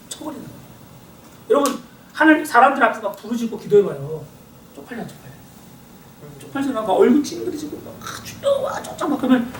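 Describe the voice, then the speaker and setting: A middle-aged male pastor giving a sermon lecture in a church hall, acting out inner voices and swinging between loud and quiet. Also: high-pitched. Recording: echoey hall, voice from far off, faint hiss.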